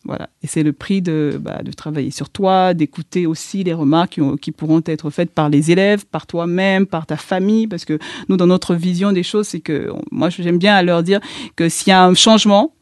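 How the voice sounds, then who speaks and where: A woman's voice: lowish voice, fairly even intonation, moderate pace, dry recording, clean studio sound. A woman running a school for teenagers answers interview questions, often restarting her sentences and repeating short words. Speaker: youth school founder, volunteer.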